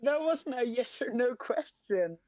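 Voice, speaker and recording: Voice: mid-range voice, animated, a little slow, a little mellow, lo-fi sound. A speaker with a cold, chatting on a group call and asking puzzled questions. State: has a cold.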